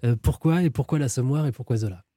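A man hosting a radio book show who asks brisk, probing questions. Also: medium pitch, warm tone, dry recording, studio quality. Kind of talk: radio interview.

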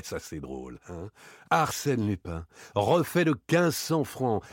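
A man reading an audiobook, voicing a suave, proud gentleman burglar with ironic, theatrical outbursts. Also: fairly high pitch, dry recording, clean studio sound, pitched above the performer's own voice, natural voice. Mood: rueful amusement.

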